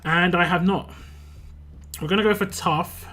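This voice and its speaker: This young man's voice sits high, steady in tone yet pushed and bright, as he chats casually on a gaming stream. His West London accent comes through while he rambles fast with restarts and fillers, soft music playing underneath.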